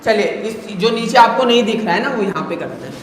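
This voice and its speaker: A man's voice: high voice, lively intonation, quick pace, a little hiss or hum. A male math teacher giving a live online lesson, coaxing students with rhetorical questions and calling them "beta". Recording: very echoey room, faint ambience.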